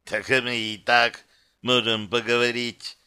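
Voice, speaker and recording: A man's voice: mid-range voice, flat delivery, takes it slowly, pushed and bright, smooth. A man voicing a smug, coarse male kidnapper who speaks in a smirking, offhand way.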